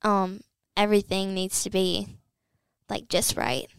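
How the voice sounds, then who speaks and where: A woman's voice: medium pitch, level tone, unhurried, clear, resonant tone, no echo. A woman co-hosting a podcast, chatting casually and chiming in agreeably. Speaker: podcast co-host. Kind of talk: casual chat.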